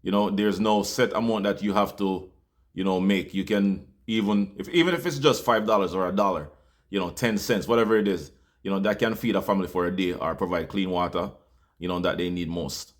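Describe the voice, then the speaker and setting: A man's voice: low-pitched, a little fast. A Jamaican man hosting his channel, making a heartfelt appeal to viewers in a loose, filler-laden way. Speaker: channel host.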